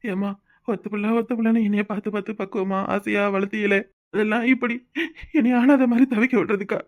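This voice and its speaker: Guy doing a hurt cartoon son, fairly high voice for a man, southern tamil village talk, keeps complaining. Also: fairly even intonation, quick pace, lo-fi sound, natural voice. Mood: hurt, resentful. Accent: southern Tamil Nadu village dialect. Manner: aggrieved, emotional complaining. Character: young married son, hurt and resentful. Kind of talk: cartoon voice acting.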